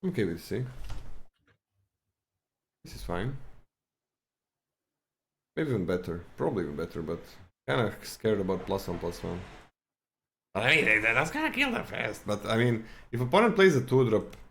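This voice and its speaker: A man talks through cards in a relaxed podcast chat, his pitch rising and falling a lot. He stumbles and restarts sentences as he thinks aloud. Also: vocal fry. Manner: halting, restarts mid-sentence, animated. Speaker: co-host of a card game podcast. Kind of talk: casual card review chat.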